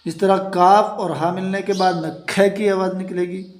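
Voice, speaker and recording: A man teaching an Urdu reading lesson, slowly sounding out letters and repeating each sound. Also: high-pitched, little pitch movement. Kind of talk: slow step-by-step reading lesson. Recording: echoey room.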